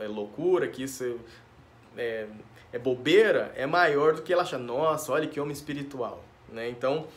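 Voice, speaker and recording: A Brazilian man delivers a sermon in a relaxed, talky way, often tossing in little tag questions. His voice sits a bit high for a man. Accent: Brazilian Portuguese. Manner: informal, tag questions, addresses listeners as dear ones. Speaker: pastor. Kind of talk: conversational sermon.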